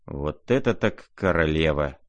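A wild young merchant, exultant and brash, boasting at the top of his voice, as a man acts him out in a storybook reading. The shouts are stretched and bold over a low voice. The recording is dry and close. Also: expressive, dry recording, highs cut off. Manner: loud, boastful, drawn-out shouting.

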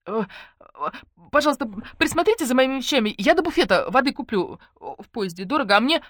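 A woman doing a shrill panicky young traveler. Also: lively intonation, quick pace, fairly bright tone, dry recording, studio quality. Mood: pleading. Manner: panicky, pleading.

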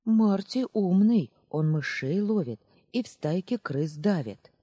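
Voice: medium pitch, lively intonation, measured pace, dark tone, slightly rough, dry recording, pitched above the performer's own voice. A reader doing a pleading little village boy. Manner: pleading, eager. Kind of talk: audiobook character voice.

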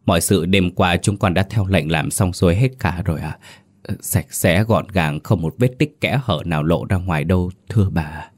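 A man's voice: sits low, moderate pace, a little mellow, no echo, studio quality. A man voicing a frightened old kitchen servant woman, trembling and humble as she speaks in a storybook tale. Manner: pleading, humble. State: sobbing, trembling.

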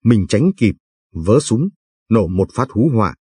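Brief: man reading a calm commander, plain-spoken, low husky tone. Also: unhurried, dry recording, full character voice.

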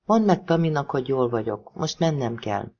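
A narrator voicing a scheming woman who poses as a timid mother, speaking quietly and meekly in an audiobook reading. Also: medium pitch, sing-song, muffled recording. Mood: hushed. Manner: quiet, whispered and meek.

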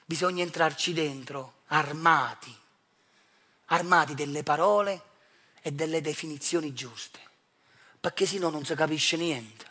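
A stage actor with a Neapolitan accent performs his own theatrical monologue, confronting his audience head-on with provocative, accusing rhetorical questions. His voice sits a little high and moves a little slowly, with long pauses. The tone is bright and forceful with a breathy edge.

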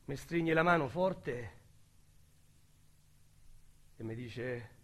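A radio drama actor with a Roman accent takes the part of a crude, chatty former prisoner reminiscing about prison. He tells his slangy, vulgar, rambling stories very slowly in a mid-range voice.

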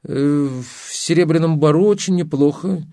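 A man reading an audiobook, voicing a spoiled, defiant young woman in a raised girlish pitch. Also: expressive, a little fast, a little mellow, no echo, natural voice. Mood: petulant, defiant. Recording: dry close studio sound.

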